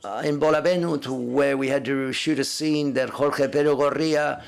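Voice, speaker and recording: A man interpreting live at a press conference, speaking haltingly and often correcting himself as he renders others' words in first person. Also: mid-range voice, steady tone, creaky.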